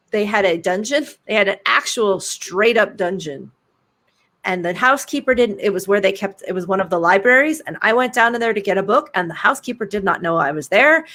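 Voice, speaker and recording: A woman author interviewing a guest on a video call, chatting casually and telling lively stories with dramatic exclamations. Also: medium pitch. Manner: animated storyteller, dramatic exclamations and quick asides.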